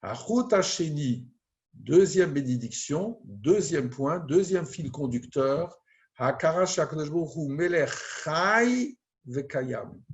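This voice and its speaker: A man, a rabbi, teaching a prayer text in a slow, deliberate way, reading Hebrew phrases and translating them one by one. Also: a little high, sing-song.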